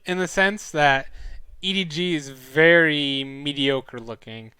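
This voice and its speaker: On the high side and taking it slowly, this young man's voice is sharp and clean, recorded with no echo. As an esports analyst hosting a casual weekly stream review, he chats and rambles with many fillers and self-corrections while his sore throat starts to rob him of his voice.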